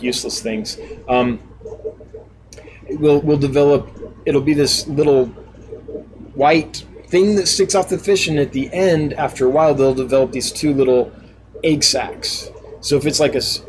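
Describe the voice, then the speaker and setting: A man's voice: a little high, slight background noise, rough recording. Chatty man hosting a live stream. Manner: chatty, reads out viewer comments and answers them; laughs often, self-deprecating. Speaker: live stream host and fish seller. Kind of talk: casual live chat.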